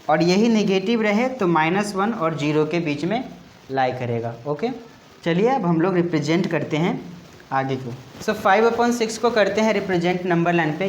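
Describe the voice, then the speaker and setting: A man explains a maths lesson step by step, often pausing on "ok" and going back over each point. He speaks casually and directly to his students. The room is echoey, with a faint hum of ambient noise behind him. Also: high voice. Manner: explains patiently, repeats points, keeps checking with "ok". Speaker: maths teacher.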